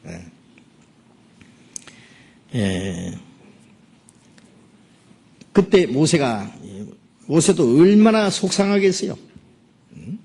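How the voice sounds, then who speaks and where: A man's voice: on the high side, big pitch swings, drawn-out words, gravelly, long pauses, a little mellow, breathy edge. A middle-aged man preaching a sermon as pastor, often checking in with his listeners with "eh?" and "right?". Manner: frequent "예?" and "응?" prompts to the listeners; acts out Moses' angry words in a raised voice.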